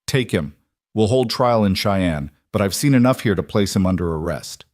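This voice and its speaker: A man voicing a calm, firm federal marshal in a western tale. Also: fairly low pitch, normal speed, no echo, clean studio sound, natural voice. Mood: stern. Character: stern, fair-minded federal marshal, grown man.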